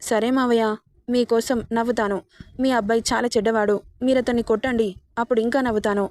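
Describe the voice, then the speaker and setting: A woman's voice: fairly high pitch, steady tone, a little fast, a little mellow, dry recording, lightly acted. A woman voicing an innocent, childlike young bride-to-be in a storybook reading. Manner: naive and childlike.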